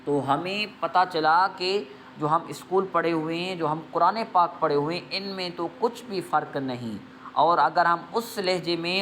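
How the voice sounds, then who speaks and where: A man teaching a Quran reading lesson, opening with slow measured recitation and then patiently explaining the letters, repeating each point. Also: fairly high pitch, fairly bright tone, a little hiss or hum.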